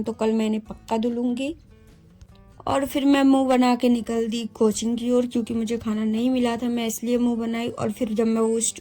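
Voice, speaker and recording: Young woman, casual vlog narration, chatty, rambling, self-mocking, slightly high voice. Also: a little mellow. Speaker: vlogger, exam student.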